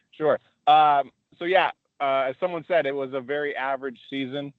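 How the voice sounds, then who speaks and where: A man's voice: medium pitch, steady tone, moderate pace, no room sound, narrow, tinny audio. A man, a deer biologist, calling into a group meeting from his car, with a connection that cuts in and out, talking casually with many ums and uhs. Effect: joining a group call remotely, connection breaking up. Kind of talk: casual report at a board meeting. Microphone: phone or laptop on a video call.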